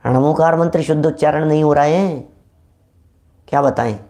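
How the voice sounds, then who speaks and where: A man giving a religious discourse, reciting verses slowly and repeating key words for emphasis. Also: a little high, warm tone. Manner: slow, deliberate recitation of Sanskrit and Prakrit verses. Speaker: Jain scripture teacher.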